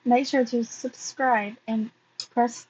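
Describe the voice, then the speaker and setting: A woman reads fan fiction aloud in a fairly high voice, slowly and with frequent restarts. The recording is slightly dull, with a faint hiss underneath. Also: fairly even intonation, darkish tone.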